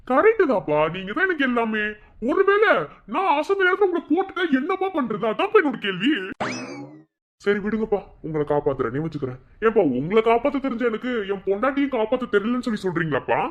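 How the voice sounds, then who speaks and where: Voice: medium pitch, big pitch swings, brisk, highs cut off, natural voice. A performer voicing a drunk, emotional young man in a cartoon who rambles and repeats himself, with a Madurai Tamil accent. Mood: pleading. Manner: rambling, repeats himself, tacks "pa" onto lines. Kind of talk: cartoon voice acting.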